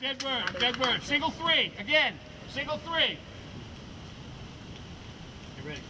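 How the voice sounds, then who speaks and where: A man's voice: extremely high pitch, big pitch swings, measured pace. A man working as a shooting referee, barking short clipped commands and calls for skeet. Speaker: shooting range referee calling targets. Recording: distant mic, loud outdoor noise.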